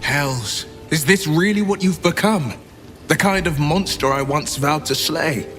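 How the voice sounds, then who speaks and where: A man's voice: on the high side, measured pace, a bit bright. A man playing a disillusioned hero in a video game, bitter and dramatic. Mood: appalled, bitter. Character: noble male monster hunter, appalled and disillusioned. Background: game music.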